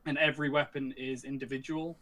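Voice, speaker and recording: A man's voice: mid-range voice, level tone, fairly quick, bright, forceful tone. A man talking casually about games, hesitant and full of ums and likes.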